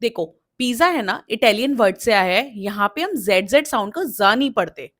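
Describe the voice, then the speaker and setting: A woman's voice: a little high, animated, a bit bright. Woman teaching pronunciation. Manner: repeats words slowly to drill them. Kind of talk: explanatory lesson.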